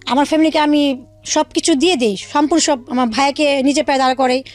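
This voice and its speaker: A high-voiced woman talks a little fast with fairly even intonation, faint music audible behind her. She is a radio interview guest telling her life story in detail and quoting past conversations, voicing them herself.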